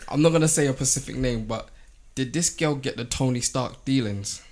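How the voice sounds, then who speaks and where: A man's voice: mid-range voice, brisk, a little mellow. A man making his point in a casual debate as a panellist. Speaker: talk show panellist. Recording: clearly noisy background with clicks.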